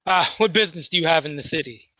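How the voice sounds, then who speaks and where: A man voicing a gruff, suspicious city guard who challenges travellers in a tabletop role-play game. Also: on the high side, fast talker, pushed and bright, dry recording, poor audio. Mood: sceptical. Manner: challenging, sceptical.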